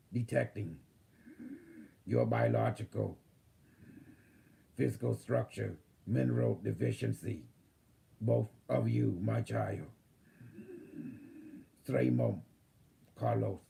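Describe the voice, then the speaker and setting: A man voicing a calm future AI healer that speaks in slow, gentle machine announcements. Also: lowish voice, gravelly, exaggerated voice. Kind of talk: spiritual channeling session.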